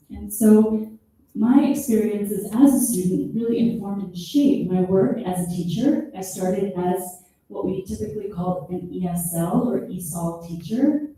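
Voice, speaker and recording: A woman gives an academic conference presentation, explaining her study at a measured pace. Her voice sounds very dark and dull, and she stands well back from the microphone. A strong echo from the hall surrounds every word. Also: medium pitch. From born in Peru, raised in the United States. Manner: measured and explanatory, stretching key terms. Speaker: special education professor presenting research. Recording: echoey room, voice distant from the mic.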